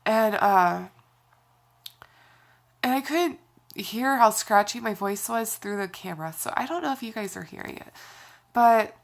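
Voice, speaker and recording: A woman's voice: on the high side, a little slow, creaky, pauses often. A young woman vlogging casually while sick, her voice scratchy and congested from a cold, rambling with sighs and fillers. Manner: rambling, sighing, with frequent fillers. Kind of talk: casual vlog talk.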